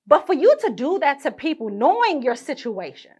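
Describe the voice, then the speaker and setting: A woman's voice: high voice, big pitch swings, moderate pace, darkish tone. A young woman hosting her own podcast, ranting indignantly and swearing constantly. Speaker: podcast host. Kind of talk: profane ranting monologue.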